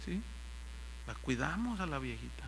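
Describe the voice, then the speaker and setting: A man's voice: fairly high pitch, very animated, moderate pace, gravelly, a little hiss or hum. An older man with a Mexican accent, a pastor preaching a sermon and telling folksy stories, acting out the voices of the people in them. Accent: Mexican Spanish. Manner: folksy storytelling, mimics voices in anecdotes.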